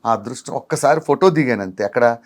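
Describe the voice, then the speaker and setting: A man's voice: medium pitch, fast. A man from Visakhapatnam with a Telugu accent, a comedian guest speaking bluntly and with conviction in a casual interview. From Visakhapatnam, India. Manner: blunt, emphatic, self-assured.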